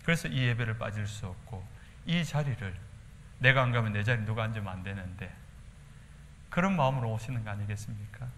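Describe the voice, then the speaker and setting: Daegu pastor guy w/ gyeongsang accent preaching, bright voice, big church reverb. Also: lowish voice, brisk, a little hiss or hum. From Daegu, South Korea. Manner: animated preaching with acted-out quotes. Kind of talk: sermon. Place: church sanctuary.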